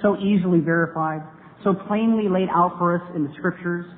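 A man's voice: high voice, fairly even intonation, fairly quick. A man giving an earnest debate speech to a live audience in a large hall, building to emphatic points. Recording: tinny lo-fi hall recording with hiss.

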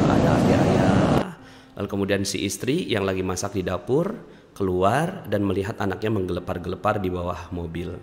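Lower-voiced man telling stories in an echoing hall. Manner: animated storyteller with sudden rises in pitch. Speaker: motivational speaker. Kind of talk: seminar talk with storytelling. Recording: hall reverb with faint background music.

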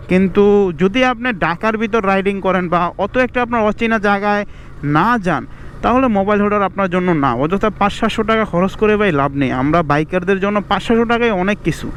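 Fast-talking young Bangladeshi man outdoors. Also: sits high, a bit bright, a little hiss or hum. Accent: Bangladeshi Bengali. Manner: fast chatty talk with English words mixed in. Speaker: motovlogger. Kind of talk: casual outdoor moto vlog. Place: outdoors by a roadside.

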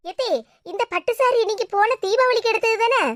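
A woman's voice: very high-pitched, a little fast, no room sound, studio quality. A woman voicing a cheeky, argumentative young cartoon girl with a Tirunelveli Tamil accent. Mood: chatty. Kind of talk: cartoon voice acting.

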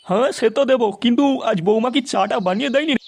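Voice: medium pitch, fast talker, gravelly. A voice actor as an older tea-stall uncle. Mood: advising. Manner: advising, chatty, teasing.

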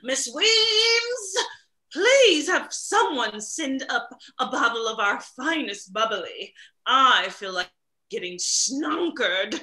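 A woman's voice: medium pitch, lively intonation, slow pace, pushed and bright, heavily acted. An actress playing a flirtatious wealthy lady of the house in a comedic play read over a video call, bawdy and giggly. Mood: flirty.

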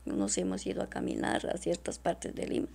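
A middle-aged woman testifies in an interview, distressed and halting, and keeps repeating herself. Her voice is deeply gravelly and mellow, and her pitch swings widely as she speaks. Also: sing-song. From Peru. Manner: halting and repetitive, often addressing the interviewer as doctora. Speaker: witness.

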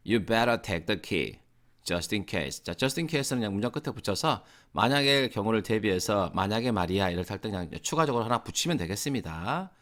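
A man teaching English grammar in an online lesson, giving slow, careful example sentences between casual explanations in English. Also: lowish voice, lively intonation, fairly bright tone.

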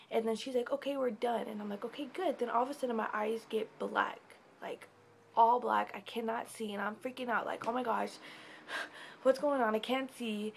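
A woman's voice: a little high, creaky, slight background noise. A tired young woman giving a casual, rambling pregnancy update vlog at home, with many fillers. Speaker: vlogger.

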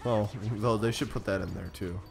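A man's voice: on the low side, fairly even intonation, moderate pace. A young man co-hosting a gaming video, chatting casually and joking with a friend while he plays. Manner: joking, laughs often, hums game tunes. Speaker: co-host of a gaming let's play. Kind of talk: casual gameplay chat.

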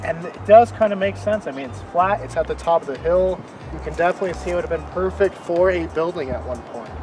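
Keen, higher-voiced outdoor man over music. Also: quick pace. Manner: enthusiastic, chatty. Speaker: co-host of an exploration vlog. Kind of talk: casual on-location presenting. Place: outdoors on a residential street. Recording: distant voice with music bed.

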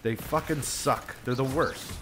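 A man's voice: mid-range voice, a little slow. A man hosting a gaming channel, giving casual let's-play commentary in a profane, joking way. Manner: profane, joking, laughs at himself.

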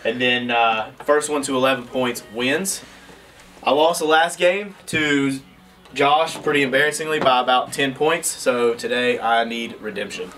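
Hosting an indoor office golf challenge in a warehouse office, a man in his thirties also plays along, joking and bantering competitively in a casual way. His mid-range voice is unhurried but animated and excitable, recorded by a far camera mic across the room amid loud noise and clicks.

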